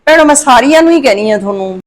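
A middle-aged woman from Punjab, talking to her viewers in a soft, sorrowful and consoling way, often adding little tag questions. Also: high-pitched, expressive, rapid-fire. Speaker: vlogger. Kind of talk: casual heartfelt talk to viewers.

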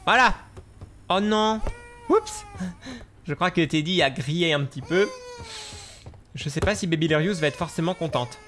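A man giving excitable gameplay commentary, yelping and gasping at scares and scolding the game's baby. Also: on the high side, normal speed, long pauses. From France. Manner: animated, shouts and gasps at scares, scolds the game baby. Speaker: gaming youtuber.

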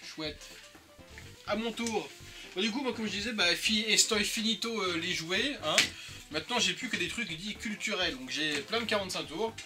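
A man's voice: high voice, expressive, normal speed, over music. A man in his thirties chatting casually and joking about flea market finds, laughing often. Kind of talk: casual chat.

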